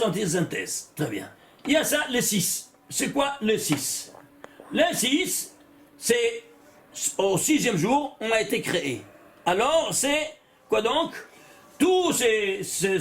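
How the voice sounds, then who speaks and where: An older man, a rabbi teaching a Torah lesson with number counts. He keeps asking the class questions and answering them himself, and he often restarts his phrases. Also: very high voice. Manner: repeats words and restarts phrases.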